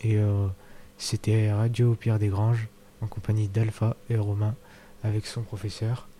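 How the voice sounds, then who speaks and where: A man hosting a school radio interview, calmly prompting his guest with questions. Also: lowish voice, a little slow.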